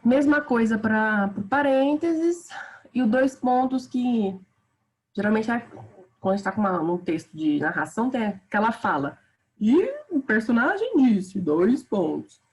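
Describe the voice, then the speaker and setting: A woman's voice: fairly high pitch, moderate pace. Chatty Brazilian woman teaching grammar. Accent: Brazilian Portuguese. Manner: chatty, informal, talks to the students as "gente". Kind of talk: casual online grammar lesson.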